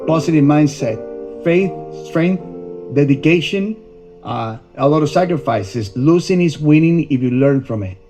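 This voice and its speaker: A man's voice: on the high side, lively intonation, a little slow, mellow, soft background music. A middle-aged man from Colombia, a dentist and business owner, answering interview questions earnestly in short listed phrases.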